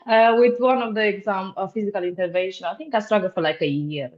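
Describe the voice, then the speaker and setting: Talking fast in a medium-pitched, darkish voice, a young Romanian security officer chats casually as a podcast guest. English isn't her first language, and she comes across as earnest, laughing a lot and filling hesitations with plenty of ums, on a dull lo-fi recording.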